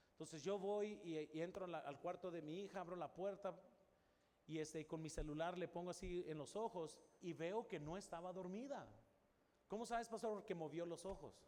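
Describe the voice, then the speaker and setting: A middle-aged man preaching a sermon, telling a personal story and dropping to a soft voice for quoted prayers. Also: on the high side. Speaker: pastor. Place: large church hall. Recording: long church reverb, faint room noise.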